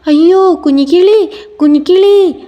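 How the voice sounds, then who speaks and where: A woman voicing a caring female parrot who calls out loudly and urgently. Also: very high-pitched, a little slow, voice pushed up. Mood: calling.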